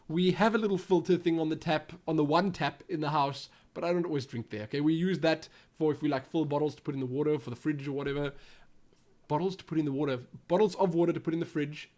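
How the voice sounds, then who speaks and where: With a warm tone and a voice on the high side, a young man from South Africa's Western Cape hosts a laid-back gaming Q&A vlog. The YouTube channel host thinks aloud and rambles as he goes.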